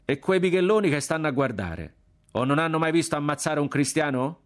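A man's voice: fairly high pitch, lively intonation, a little fast, voice pushed up, close to an everyday voice. A man voicing a defiant, mocking young Florentine prisoner with a Florentine accent and swaggering, scornful banter.

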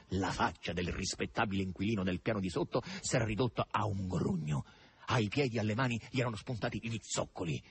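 A man's voice: low-pitched, a little hiss or hum. A man reading a novel aloud with dramatic, lilting narration. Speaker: audiobook reader. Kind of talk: expressive literary narration.

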